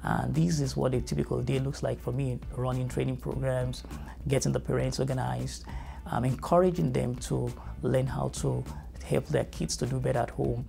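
Middle-aged Nigerian man, gravelly mid-pitched voice, earnest interviewee over a music bed. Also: flat delivery. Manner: measured, earnest, thoughtful with fillers. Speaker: family educator. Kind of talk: interview answers. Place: studio with dark backdrop.

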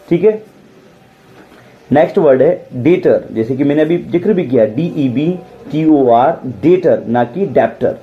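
A man's voice: on the high side, lo-fi sound, slight background noise. A man with an Indian accent teaching an English pronunciation lesson, spelling out words and asking questions that he answers himself. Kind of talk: classroom-style lesson on pronunciation.

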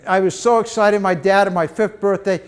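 An older man tells stories at a library beekeeping talk, his voice riding fairly high for a man. He is animated and folksy, full of asides to the room, and a lapel mic picks him up. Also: a little fast. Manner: animated storyteller, wide gestures, folksy asides. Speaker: beekeeping presenter. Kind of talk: public talk with slides.

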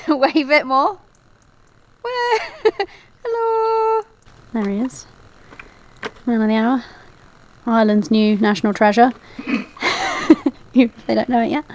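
A woman's voice: sits high, extremely slow, pauses often, a little hiss or hum, low-quality recording. Chatty woman vlogging outdoors. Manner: cheerful, chatty, laughs often. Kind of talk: casual chat to camera. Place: outdoors in open countryside. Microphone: handheld camera close to face.

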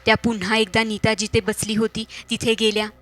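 A woman narrating a scripted horror story in a steady, measured reading voice. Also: on the high side, no echo, soft background music.

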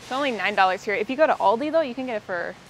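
A young woman with a Minnesota accent, chatting casually in a vlog, wry and quick to laugh. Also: a little high, expressive, slight background noise. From Minnesota, USA. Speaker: vlogger.

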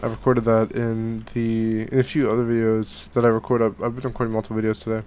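His delivery is completely flat and fast, with a lowish, darkish voice: a young gaming channel host catching a cold, rambling through casual Minecraft let's play commentary at home. The talk from his gaming room is full of fillers and restarts. A little hiss or hum comes through the headset and studio mic at his desk.

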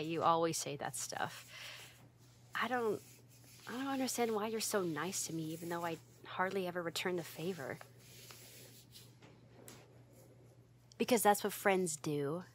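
Lightly acting, a woman with a low-leaning, fairly bright voice plays a flustered tsundere roommate for ASMR, speaking at normal speed with long pauses. Her mood is softened and awkward; she stammers, hesitates, and gets huffy and defensive despite being secretly fond. Slight background noise is present.

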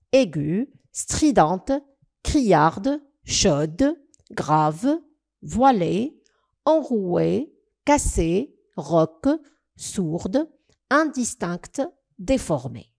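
A woman teacher with a Tunisian accent giving a recorded French grammar lesson, listing words one by one. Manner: slow, listing words one by one with lively pitch.

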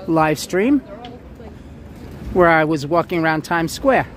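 A man's voice: a little high, animated, slow. A man with a Queens, New York accent chatting casually as he hosts a walking livestream, often repeating words. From Queens, New York City. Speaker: livestream host. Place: outdoors on a busy city sidewalk. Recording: noisy city street with traffic. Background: street ambience and passing cars.

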